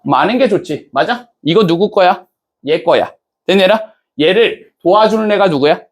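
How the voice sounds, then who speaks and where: A man teaching an English class casually checks in with students and asks them questions as he goes, in a banter-style lecture. His voice is high-pitched and animated, at normal speed.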